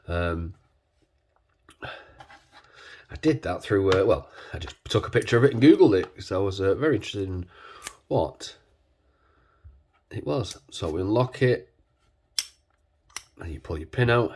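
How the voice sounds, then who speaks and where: A man congested with a cold, talking casually and hesitantly as he hosts a hands-on demonstration, his voice husky from man flu. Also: sits low, lively intonation, measured pace, pauses often, darkish tone, slight background noise. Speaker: video host.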